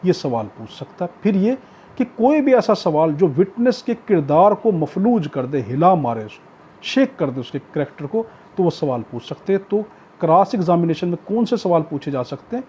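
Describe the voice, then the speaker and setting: With a Pakistani accent, a man gives an explanatory law lecture, reading provisions aloud before restating them and going over his points again. His slightly high voice is very animated, warm and breathy at a normal pace, captured in a dull, muffled lo-fi recording.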